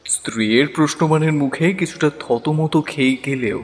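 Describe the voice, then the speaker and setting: Brief: male drama narrator, measured delivery, reverberant with faint music. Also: a little high. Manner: measured storytelling.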